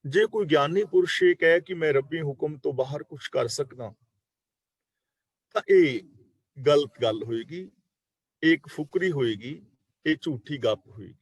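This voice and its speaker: A man teaching a scripture class, reciting verses slowly and then explaining each word, at times correcting how a word is pronounced. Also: a little high, animated, slightly rough, no room sound. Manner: corrects pronunciation letter by letter. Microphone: online video call.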